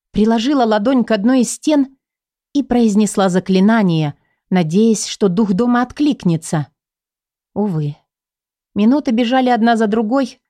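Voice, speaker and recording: A woman narrating a first-person audiobook in an expressive, measured way. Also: mid-range voice, no echo, studio quality.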